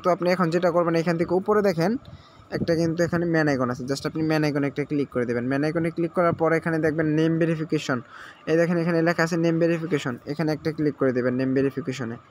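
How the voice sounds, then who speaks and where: A male tutorial host whose voice is on the high side explains an app sign-up in a screen recording with a little hiss or hum. His delivery is repetitive and step by step, with frequent check-ins and English words mixed in.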